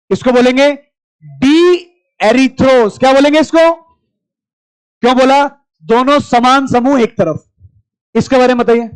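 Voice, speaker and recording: Brief: male chemistry teacher, very high smooth voice, drills class with repeated questions, dry close sound. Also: dry recording, low-quality recording. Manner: quizzing students with rapid repeated questions; familiar, addresses class as brother. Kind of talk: classroom lecture.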